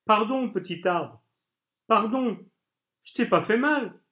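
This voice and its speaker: A man doing a simple, gentle giant of a man. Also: sits high, takes it slowly, pitched above the performer's own voice, heavily acted. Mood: pleading. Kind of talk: audiobook reading.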